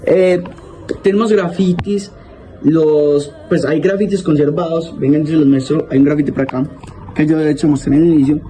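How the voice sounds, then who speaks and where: A man's voice: a little high, fairly even intonation, normal speed, mellow, rough recording. Casual Colombian man explaining Latin. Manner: casual, restarts often, asks ¿cierto? for agreement. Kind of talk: informal explanatory lesson.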